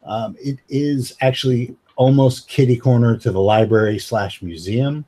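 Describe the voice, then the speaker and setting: A man's voice: mid-range voice, normal speed, warm tone. A man narrating as game master of a tabletop game, hesitant and full of fillers.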